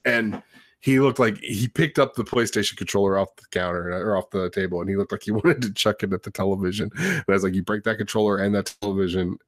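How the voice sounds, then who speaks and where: A man with a fairly low voice tells a story in casual podcast chat. He talks in an animated, rambling way and keeps restarting his sentences, and the recording is close and dry with no room sound. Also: fast talker, no room sound. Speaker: podcast co-host; father.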